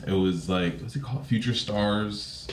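A man's voice: fairly low pitch, normal speed, slight background noise. A man hosting a podcast in casual, informal chat, with slangy, teasing phrasing. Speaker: podcast host.

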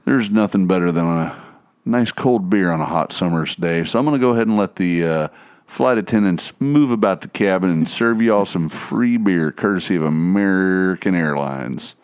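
A man imitating an airline pilot's cabin announcement, drawling in a flat monotone with many pauses. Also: deep voice, clear, resonant tone, no room sound, clean studio sound, natural voice. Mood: deadpan. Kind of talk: casual podcast chat, impression.

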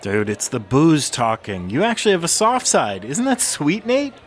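A man's voice: a little high, huge pitch swings, moderate pace, voice pushed down. A man voicing a snide, teasing male inner voice in an audio drama.

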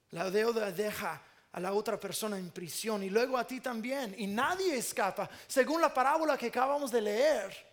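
A man's voice: extremely high pitch, a bit bright. A man preaching a sermon as pastor, earnest with playful asides, speaking Spanish with an American English accent.

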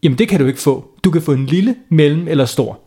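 A man's voice: on the high side, dark tone, voice pushed up, lightly acted. A man voicing a patient but firm ice cream seller in a children's story, mildly scolding.

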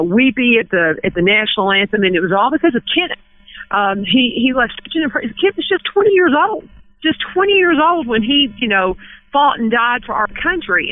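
A woman in her fifties from West Kentucky speaks earnestly over a tinny phone line, her voice on the high side. She halts and restarts often as she remembers, and the line sounds dry and close. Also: no room sound. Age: 50s. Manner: earnest, halting, with many restarts. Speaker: guest calling in. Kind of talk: emotional personal recollection on the phone. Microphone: telephone.

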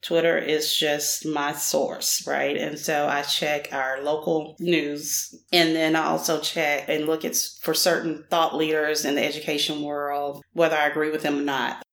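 A middle-aged woman from Nashville, Tennessee, answers as a podcast guest in a thoughtful, candid, casual way full of fillers. Her deep voice has a level, fairly bright tone, and she speaks unhurriedly with few pauses. The recording has a roomy echo.

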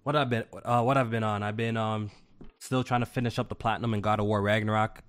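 A man's voice: fairly low pitch, fairly even intonation, quick pace, clean tone. A man hosting a gaming podcast, congested from a cold, chatting loosely and repeating himself as he jokes around. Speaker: podcast host. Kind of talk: casual gaming podcast chat.

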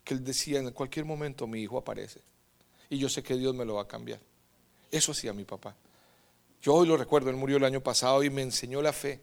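A man preaching, telling his testimony softly and then exhorting loudly. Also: medium pitch, fast, vocal fry. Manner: swings from hushed storytelling to loud exhortation. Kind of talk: sermon with personal testimony.

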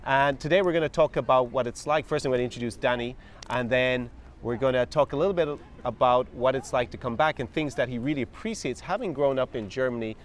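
A man with an eager, upbeat delivery hosts a casual interview outdoors in a city. Faint traffic hums behind him, and his voice sits at an ordinary middle pitch. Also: quick pace. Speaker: podcast host.

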